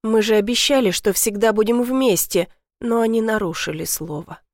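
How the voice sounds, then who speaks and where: Higher-voiced woman reading a story. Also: moderate pace, no echo, studio quality. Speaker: narrator. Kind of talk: first-person story narration.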